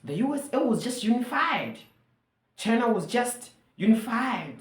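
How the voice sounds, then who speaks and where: A Ugandan woman whose first language is Luganda gives a persuasive monologue to camera, her fairly high voice very animated at a measured pace. She sounds earnest and rallying, repeating phrases for emphasis, and the recording has a roomy sound.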